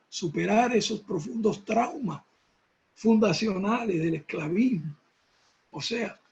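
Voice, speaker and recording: A man with a husky, raspy voice, lecturing in an emphatic, reflective way with rhetorical repetition and tag questions. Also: high voice, a little mellow. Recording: dull lo-fi sound.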